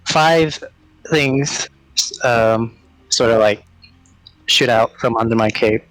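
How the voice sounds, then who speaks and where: A man playing a tabletop role-playing game, speaking casually and thinking aloud in a hesitant, deliberate way. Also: medium pitch, a bit bright, no room sound, low-quality recording.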